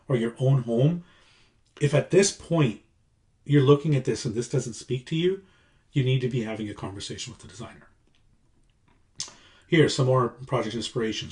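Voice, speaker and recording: A man, a construction coach casually explaining a design presentation in a relaxed, conversational way with frequent fillers and check-ins. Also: medium pitch.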